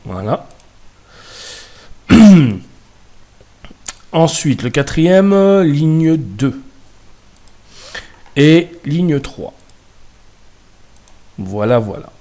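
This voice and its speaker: A man from France walking through a software setup in a casual tutorial, with frequent hesitations and self-corrections. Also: fairly high pitch, lively intonation, drawn-out words, pauses often. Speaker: tutorial host.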